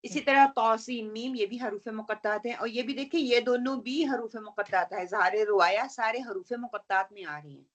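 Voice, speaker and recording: A woman teaching Quran recitation rules in an online lesson, explaining patiently, checking in with her students, and slowly reciting example verses. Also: on the high side, lo-fi sound. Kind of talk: online tajweed lesson, mixing Urdu and English.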